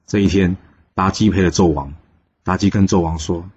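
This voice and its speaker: A man hosting a storytelling channel, narrating a classical tale in a lively way and lightly voicing the characters in quotes. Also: sits low, normal speed, husky. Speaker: storyteller host. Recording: slightly dull recording with faint noise.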